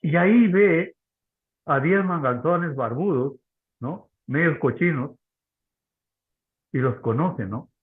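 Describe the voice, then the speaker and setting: A man's voice: on the high side, takes it slowly, long pauses. A man preaching a conversational sermon, often asking his listeners whether they follow him. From Peru. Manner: conversational, keeps asking the audience. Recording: tinny phone-like audio.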